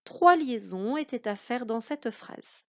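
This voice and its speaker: A woman's voice: fairly high pitch, lively intonation, slow. A woman teaching a reading lesson to children, patient, drawing out each example word. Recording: dull lo-fi sound.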